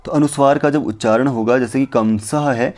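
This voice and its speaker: A man teaching a lesson, explaining points step by step and asking himself questions before answering. He recites verses slowly and carefully. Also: medium pitch, a little mellow. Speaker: Sanskrit teacher. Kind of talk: explanatory lecture on phonetics.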